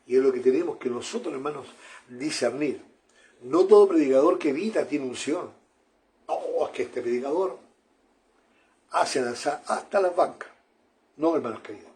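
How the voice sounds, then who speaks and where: A man's voice: mid-range voice, warm tone. A man, preaching a sermon in an earnest manner, often repeating phrases and calling his listeners brother.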